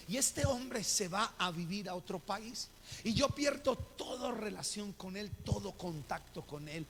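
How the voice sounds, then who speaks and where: Male pastor, animated sermon storyteller, high gravelly voice, long church reverb. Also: slight background noise. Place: church hall.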